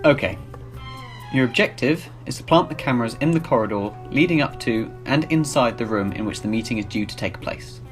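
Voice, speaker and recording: A man's voice: medium pitch, animated, fairly quick, natural voice. A man playing an exacting professor who directs a covert spy mission in formal, precise briefings. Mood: serious, businesslike. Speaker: mission controller. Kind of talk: scripted dramatic acting in a spy film. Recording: background music under the voice.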